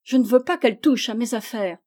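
A woman reading aloud, voicing a spoiled and insolent little girl with a high, pert, raised voice. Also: a little fast, a little mellow, close to an everyday voice. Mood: indignant.

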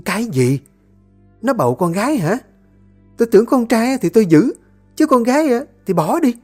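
A storyteller voicing a cruel, domineering older mother-in-law who scolds and shouts. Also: medium pitch, expressive, quick pace, soft background music, pitched above the performer's own voice, close to an everyday voice. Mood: furious.

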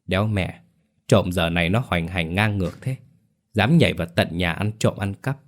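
A man voicing a hot-tempered, foul-mouthed middle-aged villager who hurls rapid abuse. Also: low-pitched, lightly acted. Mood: furious. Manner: swearing rapid-fire abuse.

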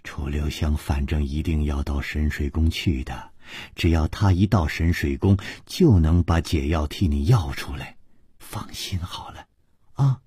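A man's voice: rumbling low, unhurried, dark tone, breathy edge, dry recording, studio quality, pitched below the performer's own voice, exaggerated voice. A man voicing a cheerful young woman reassuring a friend in a martial arts story.

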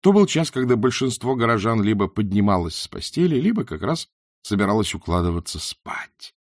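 A man narrating an audiobook with expressive storytelling. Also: fairly low pitch, fairly quick, no echo, clean studio sound. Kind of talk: scripted narration.

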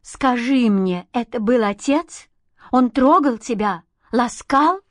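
A woman reading an audiobook, voicing a strict, sharp-tongued schoolteacher mother who talks at people loudly. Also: a little high, lively intonation, takes it slowly, dry recording, clean studio sound, voice pushed up. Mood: hectoring. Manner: sharp, hectoring and loud. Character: strict middle-aged provincial schoolteacher mother.

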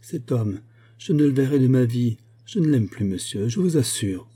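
A man's voice: mid-range voice, expressive, moderate pace, dark tone, slightly rough. A man voicing a remorseful young noblewoman who pleads earnestly with her husband in an audiobook reading. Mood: pleading.

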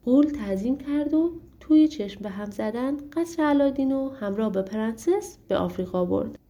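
Mellow-voiced woman reading a storybook. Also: sits high, expressive. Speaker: audiobook narrator. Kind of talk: storybook narration.

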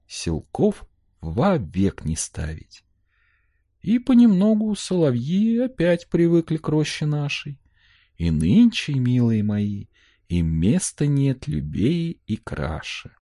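A man voicing a gentle peasant mother who tells her children stories and scolds them fondly. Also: lowish voice, husky, no room sound, clean studio sound, exaggerated voice. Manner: tender, fondly scolding, storytelling.

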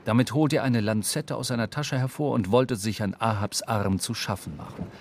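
A man narrating a radio drama with measured literary storytelling. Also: fairly low pitch, a little hiss or hum. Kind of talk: scripted narration.

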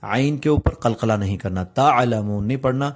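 A man teaching tajweed, explaining the rules plainly and reciting the examples slowly. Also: medium pitch, a little mellow, slightly rough.

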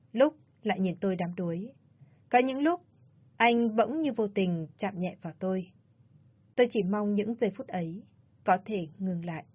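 A woman narrating a first-person story in a soft, subdued storytelling manner. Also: mid-range voice. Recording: slightly dull lo-fi audio.

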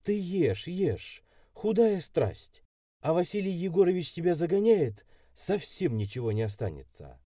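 Man voicing a motherly older cook lady, teasing, higher voice, dark tone. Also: sing-song, measured pace, dry recording, clean studio sound. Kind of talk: audiobook reading.

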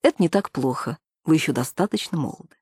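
A woman's voice: sits low, animated, fast talker, darkish tone, slightly rough, dry recording, studio quality, heavily acted. A woman reading as a polite, charming young caller. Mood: courting. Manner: polite, hesitant, courting. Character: charming young man with a low voice.

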